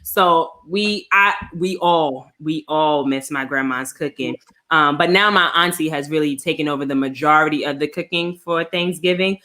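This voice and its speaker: Woman co-host, low and bright voice, casual food chat. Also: normal speed. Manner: relaxed, chatty, talks with her mouth full.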